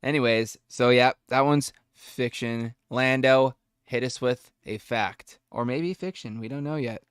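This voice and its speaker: Smooth-voiced bro-talking host. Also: male voice, medium pitch, measured pace, dry recording, clean studio sound. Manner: loud, swears, says "bro". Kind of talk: casual chat.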